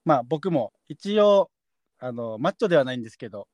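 A man hosting a relaxed podcast chat, with speech that bounces animatedly up and down. His tone is polite and playful, and he breaks into laughs often. The sound is close and dry, with no room to it. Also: mid-range voice, a little fast, no echo. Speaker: podcast host.

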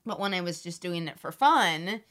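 A woman's voice: on the low side, lively intonation, normal speed, fairly bright tone. A woman co-hosting a podcast, chatty and sympathetic, often finishing her co-host's sentences. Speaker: podcast co-host. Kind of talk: casual chat.

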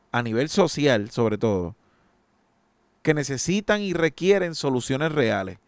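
A man holds forth alone on his podcast, exasperated and insistent. His voice is smooth and resonant, sitting at an ordinary male pitch. The sound is close and dry, with no room around it. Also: no room sound. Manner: indignant, emphatic, exasperated. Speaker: podcast host. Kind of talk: solo opinion monologue.

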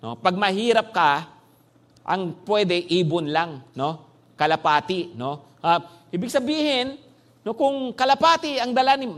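A male pastor preaching a sermon in a lively, conversational way, often tossing "no?" to the congregation. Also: sits high. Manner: animated preaching, frequent "no?" tag questions, mixing English phrases.

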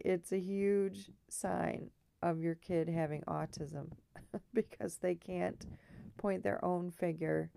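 A woman speaks in a low, croaky frog voice, scratchy and hoarse from throat trouble. She thinks aloud at a slow, unhurried pace in a casual, rambling personal monologue, with a mellow tone.

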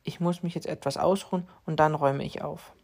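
A man's voice: fairly high pitch, fairly even intonation, brisk, creaky. A man voicing a cheeky, greedy male house cat who grumbles to himself in a bedtime story. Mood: grumbling.

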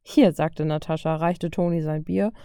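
A woman reading fan fiction aloud as a story, voicing the dialogue with a raised pitch. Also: moderate pace, vocal fry, mellow, no room sound, studio quality.

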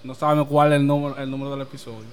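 A man's voice: medium pitch, little pitch movement, racing, smooth. A man with a Dominican accent hosting an open-air podcast in casual chat. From Dominican Republic. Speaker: podcast host.

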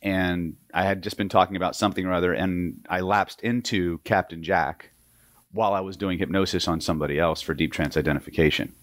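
Male seminar instructor from Oklahoma with a deep voice, emphatic delivery and rhetorical check-ins, dry recording. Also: steady tone, fairly quick, dry recording. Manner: emphatic, peppered with rhetorical "right?". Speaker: hypnosis instructor. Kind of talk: seminar lecture to a live audience.

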